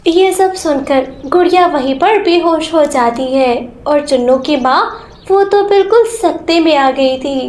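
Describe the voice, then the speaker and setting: A woman narrating a children's animal fable in a measured, dramatic way. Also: high voice, a little mellow. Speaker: storyteller. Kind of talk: storybook narration. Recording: roomy echo.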